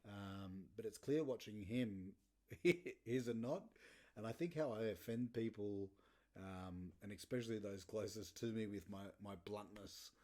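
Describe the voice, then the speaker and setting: Aussie podcast guy, 30s, lowish voice, sweary and blunt, laughs a lot telling stories. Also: unhurried, dark tone. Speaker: podcast host. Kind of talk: casual storytelling monologue.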